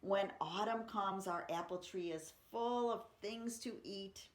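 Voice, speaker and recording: In a roomy, echoing space, a woman with a medium-pitched voice reads poetry to kids at a slow pace. She's a library story-time reader who pauses between poems to chat, keeping explanations simple and her reading expressive.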